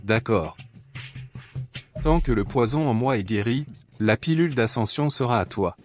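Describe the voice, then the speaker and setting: A man playing a cruel, scheming dark lord in a dubbed fantasy drama, mock-polite, taunting and domineering. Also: medium pitch, animated, normal speed, soft background music, close to an everyday voice. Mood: smooth mock courtesy. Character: cruel scheming male dark-valley lord, commanding and menacing.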